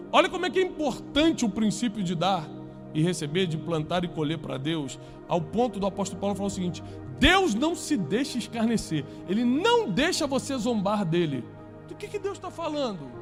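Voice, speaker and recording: Man, Brazilian Portuguese accent, pastor, emphatic sermon, rhetorical questions, high voice, faint music behind. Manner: emphatic preaching, rising to near-shouts, rhetorical questions to the congregation. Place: church before a congregation.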